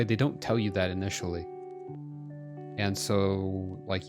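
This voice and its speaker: A man chatting casually with viewers during a live game stream, self-deprecating and talking straight to chat. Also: on the low side. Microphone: headphones with desk mic. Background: soft background music.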